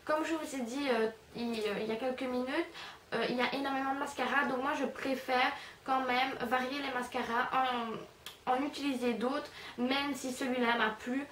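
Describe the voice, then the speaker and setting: A woman's voice: high voice, fairly even intonation, normal speed, fairly bright tone, a little hiss or hum. Chatty young woman in an echoey room. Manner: chatty, rambling, self-mocking, many fillers. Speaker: beauty vlogger. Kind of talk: casual product review vlog. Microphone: camera's built-in mic. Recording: echoey room, voice a bit far from camera.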